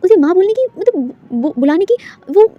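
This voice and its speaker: Woman telling a fanfic story, chatty, drops in english words, high voice. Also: sing-song, moderate pace, muffled recording. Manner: conversational, with fillers and English words mixed in. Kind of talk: fan-fiction story narration.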